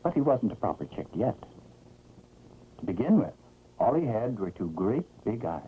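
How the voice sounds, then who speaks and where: A narrator telling a children's story in an expressive, theatrical vintage 1960s cartoon style. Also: medium pitch, normal speed. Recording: old tinny, noisy cartoon soundtrack.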